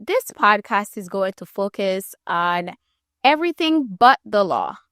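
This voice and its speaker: A woman in her thirties from Haiti, hosting a podcast and telling her own story in a candid, animated, conversational way. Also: mid-range voice, clear, resonant tone, no room sound, clean studio sound. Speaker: podcast host.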